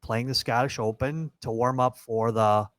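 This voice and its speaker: A man's voice: mid-range voice, steady tone, moderate pace, a bit bright, no echo. A man co-hosting a golf podcast who gives emphatic advice, with a habit of repeating phrases. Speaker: golf podcast co-host, golf coach. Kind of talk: casual chat.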